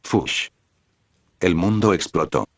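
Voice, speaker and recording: A man narrates a fan story with a dry, sardonic edge. His voice is very low-pitched. The sound is dry and close. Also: animated, slow pace, dry recording. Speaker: fan fiction reader. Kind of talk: scripted narration.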